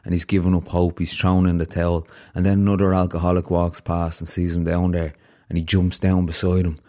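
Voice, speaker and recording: A man with a low, warm voice hosts a podcast, speaking fairly quickly with a flat delivery. Earnest and sincere, he reflects with his guest and works through a long parable.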